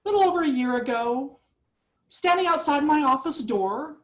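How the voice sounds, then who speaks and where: Lively high-voiced woman minister preaching. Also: moderate pace. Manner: lively, chatty and enthusiastic. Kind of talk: sermon.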